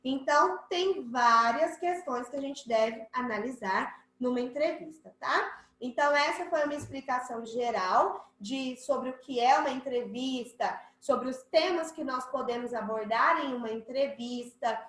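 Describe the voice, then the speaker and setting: A schoolteacher with a Brazilian Portuguese accent explains a lesson to children in an online class, staying playful and acting out examples in shifting voices. Her high-pitched, slightly bright voice moves at a measured pace, and the rough recording sounds roomy.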